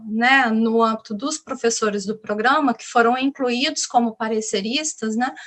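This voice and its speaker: A middle-aged Brazilian woman speaks on an academic panel in a fairly high voice. She hesitates often, repeats small words and restarts her sentences as she goes. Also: fairly bright tone. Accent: Brazilian Portuguese. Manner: hesitant, many fillers and restarts. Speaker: university professor on a panel.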